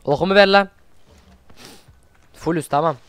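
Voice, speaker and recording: A man hosting a let's play, commenting excitedly as he plays, swearing at enemies and coaxing his pet wolf along. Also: on the high side, normal speed, smooth. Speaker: gaming channel host.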